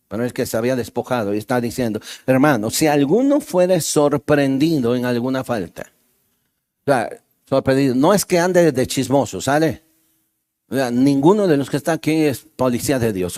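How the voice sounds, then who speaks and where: A man's voice: mid-range voice, darkish tone. A man preaching a sermon as pastor, talking straight to his congregation and acting out the voices of the people in his stories. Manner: conversational preaching, talks straight to the congregation with quick asides; acts out voices in the stories he tells.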